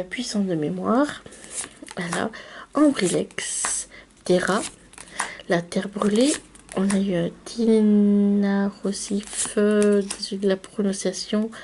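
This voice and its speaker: Slow-talking woman in a casual card-opening vlog. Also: mid-range voice, warm tone, slight background noise. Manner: chatty and unscripted, addresses viewers directly. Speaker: YouTuber opening trading card packs.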